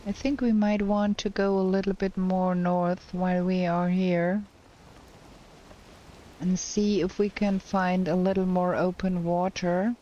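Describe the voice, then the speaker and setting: Slow-talking woman with a cracking voice. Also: on the low side, level tone, dark tone, highs cut off, a little hiss or hum. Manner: slow and hesitant, thinking aloud. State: voice cracking, unwell. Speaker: game streamer. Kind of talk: casual gameplay commentary.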